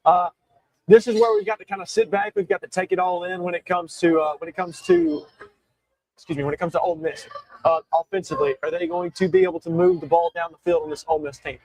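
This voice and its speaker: A man's voice: a little high, lively intonation, fast talker, darkish tone, rough recording. A young man hosting a solo sports talk show, talking emphatically with frequent restarts and self-corrections while he has the hiccups. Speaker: show host.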